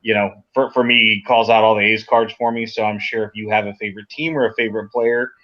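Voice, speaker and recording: A man's voice: fairly low pitch, steady tone, quick pace, dull audio. A man co-hosting a casual podcast, chatty and laid-back, laughing easily. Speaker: podcast co-host. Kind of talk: casual chat.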